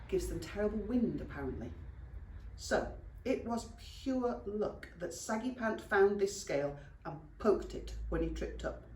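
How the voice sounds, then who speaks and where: Here a British woman gives a lively storytime reading of a children's story for young pupils, speaking to them warmly like a teacher. Her voice sits in the mid range. A distant microphone picks up roomy echo and a little hiss or hum.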